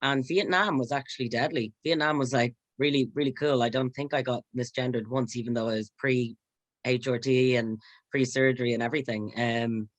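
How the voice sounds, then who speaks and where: A man's voice: medium pitch, steady tone, moderate pace, dry recording. An Irish man in his late twenties, chatting as an interview guest in a rambling way with plenty of "you know"s. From Ireland, North County Dublin. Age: late 20s. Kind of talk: casual interview chat.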